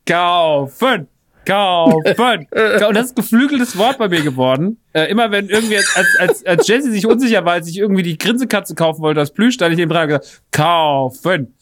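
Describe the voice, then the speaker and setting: A man's voice: sits high, fast, few pauses, a little hiss or hum. A young man, a podcast host, casually telling a story and acting out the people in it. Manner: animated, acts out quoted dialogue.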